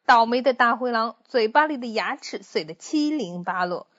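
Lady reading a kids story, bit high voice, sounds muffled. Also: normal speed. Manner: expressive.

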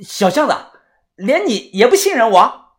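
A man voicing a cocky, hot-tempered young Taoist man who swaggers, curses and shouts. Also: very high voice, big pitch swings, moderate pace, voice pushed up. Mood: hesitant.

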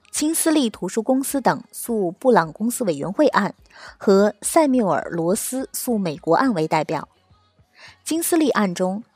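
A woman reading a scripted explainer narration in a steady, measured storytelling delivery. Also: medium pitch, no room sound.

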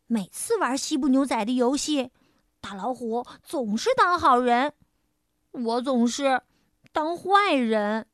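A woman storyteller and radio host, reading a children's picture book in a playful, expressive first-person voice. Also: high-pitched, slow pace, dry recording, clean studio sound.

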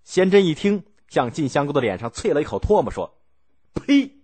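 A man narrating a historical story, animated and acting out the characters' lines as he goes. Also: fairly high pitch, brisk, husky.

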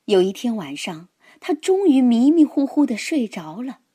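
A woman narrating a children's story in a gentle, expressive, dramatic way. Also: fairly high pitch, moderate pace, breathy edge, no echo, studio quality.

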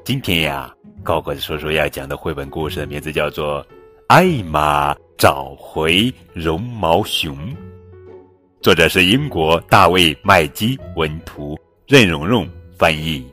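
A man narrating a children's picture book slowly and gently to little listeners. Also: rumbling low, soft background music. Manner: slow, gentle, expressive. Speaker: children's storyteller.

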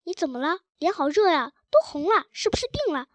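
A woman voicing a timid, gentle young girl in a storybook reading, softly and caringly. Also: very high voice, expressive, a little fast, no echo.

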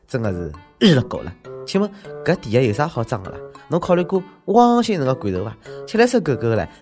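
A man's voice: medium pitch, darkish tone. A man with a Shanghainese accent delivering exclamatory, mocking, slangy comic news commentary as a show host.

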